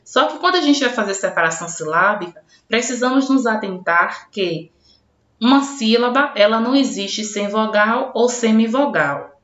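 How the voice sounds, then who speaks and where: A woman's voice: on the high side, animated, fairly bright tone. A woman teaching a recorded grammar lesson, talking to imagined pupils by name and answering for them in a patient classroom manner. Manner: slow, spelled-out classroom explanation. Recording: roomy, dull lo-fi home recording.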